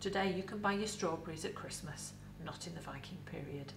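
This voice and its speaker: A middle-aged woman with an English accent, a museum educator in costume, giving a lively, chatty talk to camera about food with props in an indoor set. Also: on the low side, brisk, creaky, background noise. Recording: roomy echo, voice from a distance.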